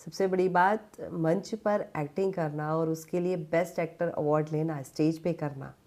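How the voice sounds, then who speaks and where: A woman hosting a radio interview in a studio. Her voice sits low and mellow, and her delivery is polished and attentive. She speaks in clear, even phrases suited to broadcast. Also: moderate pace. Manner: polished, attentive, gives frequent brief affirmations. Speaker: radio presenter.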